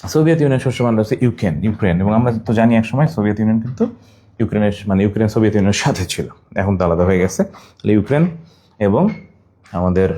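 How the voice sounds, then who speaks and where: Deep-voiced man drilling facts by repetition. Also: mellow, husky. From Bangladesh. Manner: repeats each item many times for students to memorize; asks students questions and tells them to write things down. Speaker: teacher. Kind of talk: general knowledge class with memory tricks.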